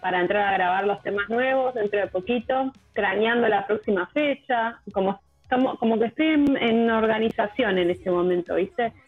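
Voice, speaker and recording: A woman in her thirties with an Argentine accent, a musician guest talking in a relaxed, hesitant way with many fillers. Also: medium pitch, moderate pace, dry recording. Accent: Argentine Rioplatense. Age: 30s. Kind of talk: casual radio interview. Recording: tinny phone line with music bed.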